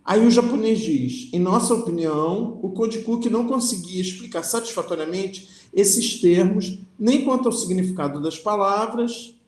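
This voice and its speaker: High-voiced lecturer in an echoey room. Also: male voice, normal speed, hardly any pauses, a little mellow. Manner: reads passages aloud, then comments with frequent "né?" and restarts. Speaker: philosophy lecturer. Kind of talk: lecture, reading and explaining a text.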